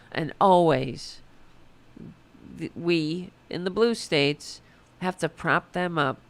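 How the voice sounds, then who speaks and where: A raspy-voiced woman with a low-sitting voice hosts a political commentary show. She reads an article aloud and answers it with sarcastic, profane indignation.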